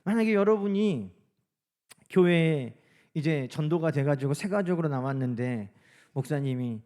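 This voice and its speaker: A man's voice: a little high, expressive, normal speed, warm tone. A male pastor preaching a sermon in a conversational way, full of rhetorical questions to the congregation.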